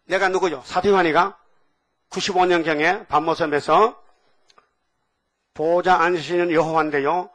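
An older man preaching a sermon, asking the congregation question after question. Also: on the high side. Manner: animated, asks the audience questions.

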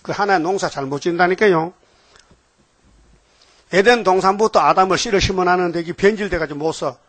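A man's voice: high voice, a little fast, a bit bright, no room sound. An older man preaching a folksy sermon, telling homely stories and often asking the congregation "eh?" for agreement.

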